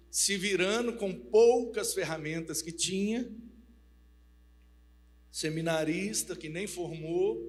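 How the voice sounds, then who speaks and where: Brief: man preacher, folksy and animated, high voice, hall reverb. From Minas Gerais, Brazil. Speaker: pastor. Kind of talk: storytelling sermon. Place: large church hall. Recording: reverberant church hall, mains hum.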